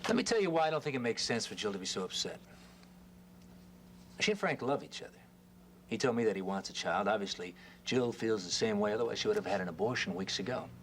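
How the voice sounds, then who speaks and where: A man's voice: on the low side, lively intonation, quick pace, slight background noise. An actor playing a concerned male doctor in a daytime soap, speaking earnestly and reasoning things through. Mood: persuasive. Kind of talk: daytime soap opera acting.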